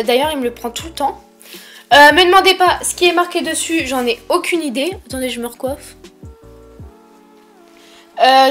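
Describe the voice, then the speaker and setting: Casting: young female haul vlogger, high-pitched, lisping s, informal chatty delivery, faint music underneath. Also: a bit bright. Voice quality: lisp on s sounds. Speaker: vlogger presenting a shopping haul. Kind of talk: casual chatty haul presentation.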